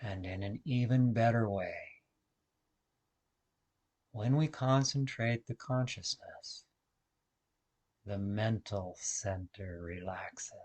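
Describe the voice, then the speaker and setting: In a low-pitched voice, a male meditation teacher guides a session, speaking calmly in slow, deliberate phrases separated by long pauses.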